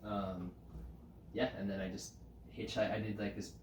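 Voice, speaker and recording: A man with a lowish voice, a podcast guest from the United States, recounts his story casually and with a lively, laughing energy. He sits a little off the microphone in a roomy space. Faint background noise sits under the voice. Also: normal speed, recorded from a distance. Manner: animated, often laughing, frequent "like" fillers. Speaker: podcast guest, climbing route setter.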